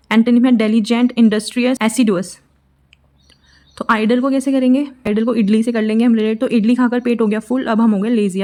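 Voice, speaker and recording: A woman's voice: on the high side, a little mellow. An Indian woman teaching English vocabulary in a casual, playful lesson, walking through memory tricks like little stories. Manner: playful, spells out memory tricks in a chatty storytelling way.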